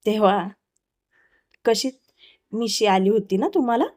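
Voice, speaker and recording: A woman voices a shy young wife in a spoken romance story. She is coy and affectionate, and she sulks a little when teased. Her tone stays gentle and warm. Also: medium pitch, measured pace, close to an everyday voice.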